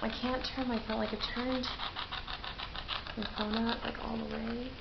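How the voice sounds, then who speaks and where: A woman's voice: a little high, little pitch movement, measured pace, creaky. A middle-aged woman talking casually as host of a homemade vlog in a garage. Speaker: video host. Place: small garage, indoors. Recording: dull roomy garage sound with noise.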